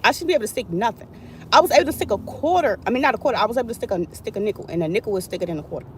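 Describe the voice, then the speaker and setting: A woman's voice: a little high, lively intonation, rapid-fire, a little hiss or hum. A young woman venting bluntly in a casual vlog, swearing freely as she complains. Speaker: vlogger.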